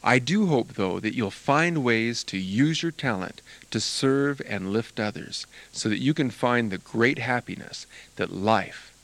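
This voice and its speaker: An older man addresses music students in an earnest, encouraging talk. His voice sits at a middle pitch but swings up and down with lively emphasis. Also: measured pace, few pauses, low-quality recording. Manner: earnest, encouraging, animated delivery. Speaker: music teacher.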